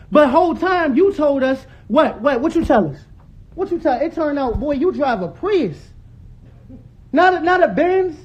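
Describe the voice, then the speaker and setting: A young man, angrily telling his side of a dispute on a live stream, repeating himself and rising toward yelling. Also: very high-pitched. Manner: angry, repetitive, rising to yelling. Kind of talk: heated live-stream rant.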